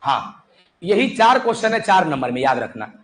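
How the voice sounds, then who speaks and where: Brief: young male chemistry teacher, high and lively voice, classroom lecture with faint background noise. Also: normal speed, low-quality recording. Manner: animated, coaxing students, repeated calls to listen.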